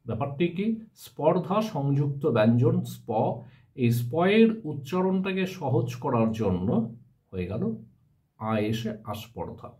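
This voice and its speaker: A male teacher giving a step-by-step grammar lesson, often pausing to ask his students rhetorical questions. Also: medium pitch, big pitch swings, mellow.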